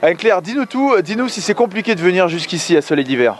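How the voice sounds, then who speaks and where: A man's voice: sits high, big pitch swings, fast. A man hosting casually on location at an outdoor fair. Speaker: web TV host. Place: outdoor winter fair with carousel. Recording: faint noise of an outdoor fair.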